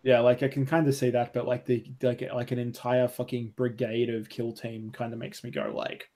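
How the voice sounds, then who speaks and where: A man's voice: mid-range voice, flat delivery, normal speed, mellow. A man co-hosting a podcast in casual chat, rambling with lots of fillers and casual swearing. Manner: rambling, full of "like" and "you know", swears freely. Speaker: podcast co-host.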